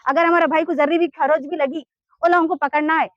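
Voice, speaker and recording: A woman's voice: high-pitched, fairly even intonation, a little fast, no room sound, muffled recording. A woman with a Hyderabadi Urdu accent, giving an urgent, pleading complaint in a street interview. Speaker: interviewee in a land dispute.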